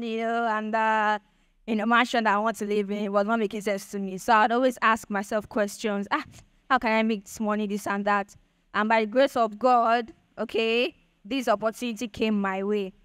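Chatty young Nigerian woman, smooth voice. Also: on the high side, fairly bright tone, dry recording. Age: young adult. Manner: chatty, keeps asking "do you understand?". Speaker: speaker at a Bitcoin event. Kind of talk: motivational talk to an audience.

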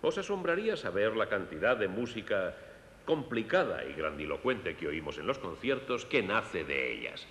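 A man's voice: sing-song, normal speed, fairly bright tone. A man with a Castilian Spanish accent dubbing a lecture on music for young listeners, explaining in a teaching manner and speaking to them directly. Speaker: presenter of a children's concert lecture. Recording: echoey hall with long reverb and faint rumble.

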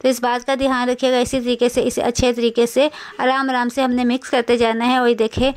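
A woman talks viewers through a home recipe in a voice-over. Her voice sits a little high and sounds smooth and clean. She explains each step patiently and repeats herself so nothing gets missed. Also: flat delivery, fairly quick. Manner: patient, instructive, repeats steps. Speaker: cooking vlogger.

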